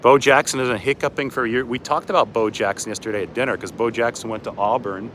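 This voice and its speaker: An American sports reporter hosts a casual livestream, chatting quickly and wandering into asides as he moves along city streets by a river at dawn. His mid-range voice is steady and fairly bright. Traffic noise and city ambience fill the background.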